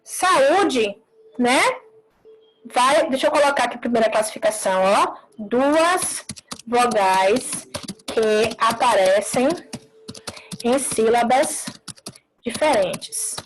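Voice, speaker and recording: A woman teacher giving a live online class, explaining slowly, repeating words and checking with short tag questions. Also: fairly high pitch, lively intonation, a little hiss or hum, rough recording.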